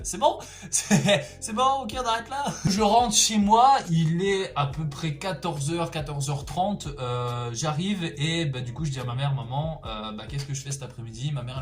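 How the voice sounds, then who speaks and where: A young man chatting casually through a personal story, slangy and expressive, exclaiming for emphasis. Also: mid-range voice. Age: young adult. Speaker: storytelling vlogger.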